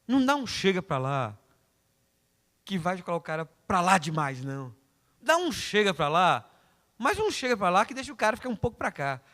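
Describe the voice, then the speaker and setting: A male pastor delivers a dramatic sermon, his voice sitting slightly high and swinging widely in pitch. He acts out prayers and God's answers and calls on people in the congregation by name. The sound carries a long church-hall reverb. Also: sing-song, moderate pace, sharp tone. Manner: addresses listeners by name.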